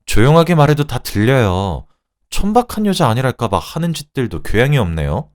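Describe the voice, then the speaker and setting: A man voicing a sharp-tongued young wife who coldly mocks her rival, his voice raised in pitch. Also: sing-song, moderate pace. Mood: icy mocking. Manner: cold, cutting, mocking.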